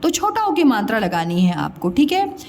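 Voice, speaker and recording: A primary school Hindi teacher gives a slow spoken lesson to young children in a lilting, sing-song voice that's a little high with a darkish tone. She draws words out syllable by syllable, quizzes her pupils, and calls the listener "beta," meaning child.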